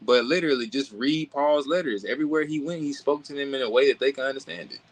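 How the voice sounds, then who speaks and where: A man's voice: mid-range voice, fast, poor audio. A man co-hosting a casual religious discussion who makes his points emphatically. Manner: animated and emphatic, asks "you feel what I'm saying?". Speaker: podcast co-host.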